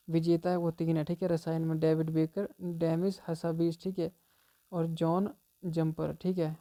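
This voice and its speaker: A man coaches exam students through memory tricks in a loose, conversational way, checking in with "theek hai" after nearly every phrase. His voice is gravelly and dark in tone. He delivers it all on a flat, even line with little rise or fall. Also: fairly high pitch. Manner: repeats "theek hai" constantly, chatty and informal.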